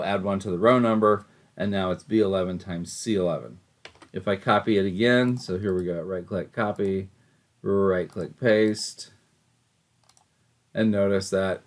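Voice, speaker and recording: A man giving an informal software tutorial, explaining each step as an instructor. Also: fairly low pitch.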